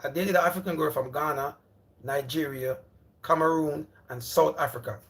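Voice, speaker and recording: At a moderate pace, a Jamaican livestream host in his thirties chats from home in a fairly high, fairly bright voice. His manner is loose and rambling; he repeats himself and calls his viewers brother and bro.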